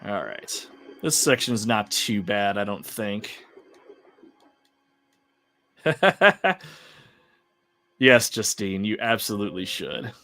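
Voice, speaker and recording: Chatty low-voiced man streaming a game. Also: very animated, takes it slowly, long pauses, sharp tone. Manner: chatty, rambling, laughs often, talks to chat. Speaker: livestreamer. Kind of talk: casual gameplay commentary.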